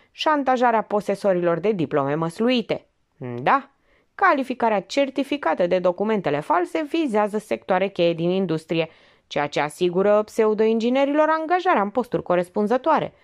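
A woman's voice: mid-range voice, big pitch swings, voice pushed up, close to an everyday voice. Woman reading a shrewd, commanding female investigator. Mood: explaining. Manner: measured, explanatory.

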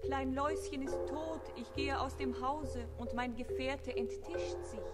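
A woman's voice: high voice, a little slow, over loud music, pitched above the performer's own voice. A woman voicing Klein Flöchen, a little grieving flea. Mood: lamenting.

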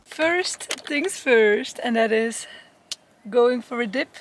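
Holding the camera at arm's length, a high-voiced young travel vlogger talks cheerfully and chattily to her viewers outside near a road and a lake. She speaks slowly and expressively, with music playing beneath her voice.

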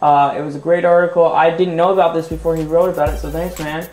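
In an echoey room, a young tech video host runs through a casual phone how-to at a quick pace. A runny nose makes him sound a bit stuffy, and his easygoing, upbeat talk is packed with fillers, delivered at a slightly high pitch.

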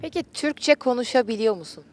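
High-voiced woman interviewer. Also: expressive, brisk, slight background noise. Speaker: sports interviewer. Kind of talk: interview questions. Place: outdoors on a training pitch. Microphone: handheld microphone.

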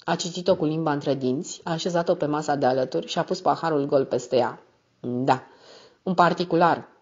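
A woman reading a novel aloud as a steady, measured first-person narrator. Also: sits low. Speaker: audiobook narrator. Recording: slightly muffled recording.

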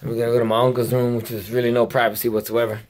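A man's voice: mid-range voice, flat delivery, very fast, a little mellow, a little hiss or hum. A young man giving a loose, slangy, swearing walking tour of a house, talking to a handheld phone camera. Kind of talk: casual, profane walking tour. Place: inside a house, walking room to room.

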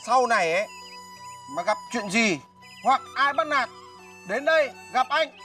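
Một nam diễn viên trẻ giọng miền Bắc đóng vai một chàng trai hiền lành, kiên nhẫn, đối xử như người anh với một cậu bé trong phim hài truyền hình. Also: male voice, very high voice, animated, a little slow, heavily acted. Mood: gentle. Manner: gentle, patient, brotherly. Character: kind young man, gentle big brother to a boy. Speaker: actor in a TV comedy series. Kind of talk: folk comedy TV drama acting. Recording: distant mic, faint music behind.

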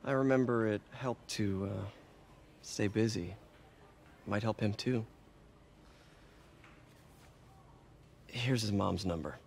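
A man's voice: fairly low pitch, unhurried, creaky, a little mellow, a little hiss or hum. An actor voicing a wisecracking young male superhero in a video game, casual and easygoing. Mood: gentle.

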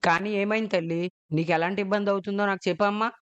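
A woman voicing a caring middle-aged father who speaks softly and reassuringly to his daughter, in a storybook narration. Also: mid-range voice, fairly even intonation, quick pace, clean tone, lo-fi sound, voice pushed down, close to an everyday voice. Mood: tender.

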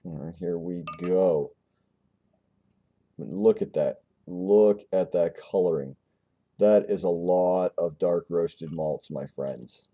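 A man's voice: low-pitched, takes it slowly, dark tone, highs cut off. A man hosting a casual beer review video, talking in a rambling way and stumbling over his words.

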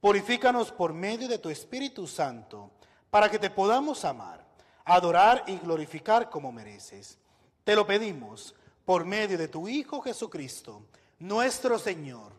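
A man, a minister, leading liturgical prayer and readings in solemn, measured phrases in an echoing church. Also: high voice, very animated. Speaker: Lutheran minister leading a service. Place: large church sanctuary, at the altar. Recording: echoey church hall with long reverb.

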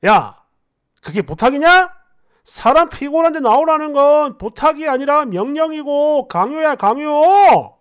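A woman voicing a short-tempered young man who yells and snaps scornfully in a read-aloud story. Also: high voice, lively intonation, measured pace. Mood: angry yelling. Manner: shouting, scornful, snapping. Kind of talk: storytelling with put-on voices.

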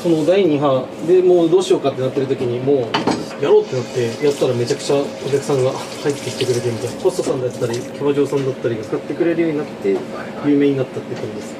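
A man's voice: mid-range voice, rapid-fire, noisy background. A man in his thirties running a sushi counter, chatting casually as he explains his fish while he works. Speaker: sushi restaurant manager. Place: sushi counter in a small restaurant.

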